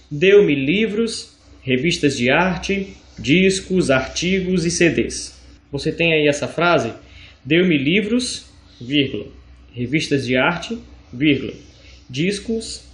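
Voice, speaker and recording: Male teacher from Brazil, slightly high voice, patient audio-lesson delivery with drawn-out examples, roomy echo. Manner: explanatory, with fillers and slow stressed examples.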